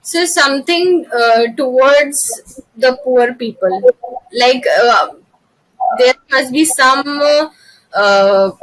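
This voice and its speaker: Young indian woman in a job interview, candidate answering formally, sharp bright voice. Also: high voice, extremely slow, low-quality recording. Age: young adult.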